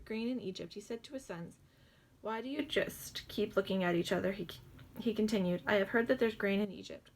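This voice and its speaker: A young woman reading the Bible aloud with rambling, giggly asides and stumbles on hard names. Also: medium pitch. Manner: rambling, giggly asides full of likes and ums.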